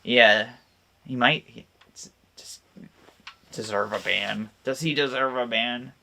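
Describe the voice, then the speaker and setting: A man co-hosting a gaming podcast in casual chat, animated and laughing often. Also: mid-range voice, slow pace, vocal fry, slight background noise. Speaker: podcast co-host.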